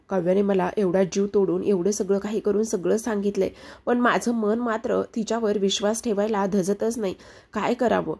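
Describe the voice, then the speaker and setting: An anxious mother-in-law broods over whether to trust her son's wife, read by a woman narrator. The voice is low and husky, with gravelly fry. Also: a little mellow.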